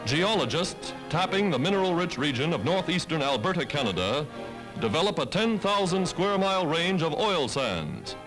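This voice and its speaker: High-pitched old newsreel narrator over music. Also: male voice, sing-song, moderate pace, poor audio. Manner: emphatic declaiming delivery. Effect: old newsreel narration over loud music. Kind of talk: 1940s wartime newsreel narration. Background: loud music.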